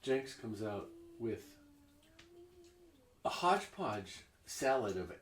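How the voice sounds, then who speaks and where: A man running a tabletop game as dungeon master, narrating haltingly with many restarts. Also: fairly low pitch, big pitch swings. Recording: echoey room, far from mic.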